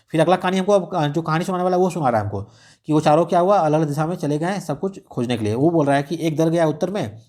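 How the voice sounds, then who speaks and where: A man tutors exam students on radio script writing. He talks quickly and sits a little high in pitch. He walks through each scene step by step, rephrasing points as he goes. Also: darkish tone. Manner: explains step by step, repeating and rephrasing. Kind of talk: explaining a radio script in a lesson.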